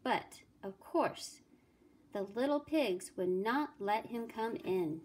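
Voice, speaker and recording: A woman teacher reading a fairy tale aloud in a slow, deliberate, expressive way. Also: mid-range voice, a little hiss or hum. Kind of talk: storybook read-aloud.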